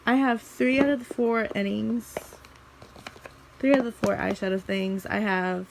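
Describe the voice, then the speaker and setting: In her bedroom, a young Missouri woman vlogs in a chatty, rambling way about her makeup, with small restarts along the way. She speaks unhurriedly at medium pitch with fairly even intonation and vocal fry, her voice a little scratchy from allergies. She's a beauty vlogger from the American Midwest.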